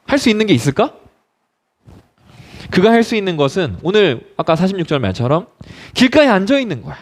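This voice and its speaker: A male youth pastor preaches in a high, lively voice that swings widely in pitch. He tells the story dramatically and keeps turning to his listeners with direct questions. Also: brisk. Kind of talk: sermon.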